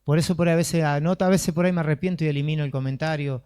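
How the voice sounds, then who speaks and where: A man's voice: fairly high pitch, fairly even intonation, rapid-fire, a little mellow, smooth. A man preaching a sermon and leading a closing prayer, in an earnest, conversational way.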